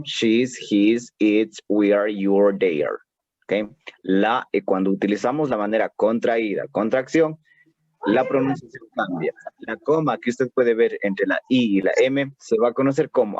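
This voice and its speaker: A man's voice: lowish voice, a little mellow, dry recording, dull audio. A male English teacher with an Ecuadorian Spanish accent, leading an online class and drilling grammar patiently with check-in questions. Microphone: computer mic on video call.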